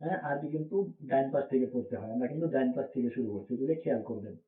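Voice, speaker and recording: Heard through a thin, echoey, phone-like connection, a medium-pitched male teacher patiently drills Quran reading letters. He names them one at a time, repeats each pair slowly, and pauses to ask checking questions.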